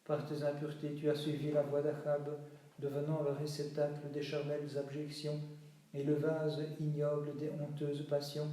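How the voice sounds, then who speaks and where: A man chanting a slow, solemn liturgical reading in a chapel, moving between spoken lines and sung refrains. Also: a little high, warm tone. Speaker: reader of liturgical texts. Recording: very echoey chapel, voice from far off.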